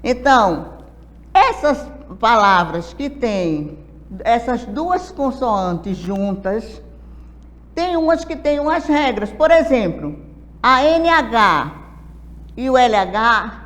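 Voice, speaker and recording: A woman's voice: a little high, sing-song, takes it slowly, a bit bright, big-room sound. A woman from Brazil teaching an adult literacy lesson, explaining step by step and checking in with questions.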